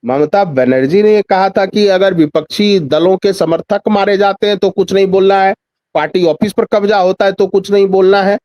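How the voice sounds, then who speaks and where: A man with a high, slightly mellow voice gives political commentary at normal speed in a dry, echo-free interview with lo-fi sound. He speaks emphatically, repeating phrases and often pressing his points through rhetorical questions.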